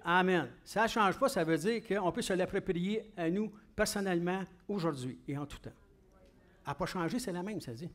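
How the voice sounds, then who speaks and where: A man with a Québécois French accent preaches to his congregation in a quick, conversational way. He keeps asking them questions as he goes. His voice sits noticeably high for a man. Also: fairly bright tone. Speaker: pastor. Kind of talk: sermon.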